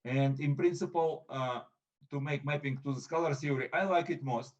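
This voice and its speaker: A man giving an academic conference talk over a video call, speaking in a halting, hesitant way with frequent pauses. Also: mid-range voice, highs cut off. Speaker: invited speaker.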